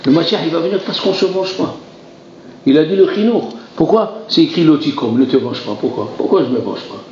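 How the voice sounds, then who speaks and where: Rabbi guy giving a torah class, super animated, acts out little scenes, kinda high voice, echoey dull recording. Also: brisk, slight background noise. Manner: animated, theatrical, acts out dialogues, exclaims "aïe aïe". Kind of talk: lively French Torah lesson. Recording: roomy lo-fi recording with faint ambience.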